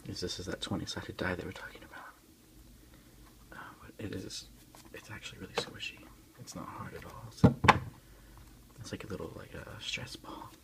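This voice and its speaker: Whispering gently and breathily, a man casually presents an ASMR unboxing, taking it slow and sounding a bit unsure. His voice is low and his tone steady, and the clip was captured on a phone.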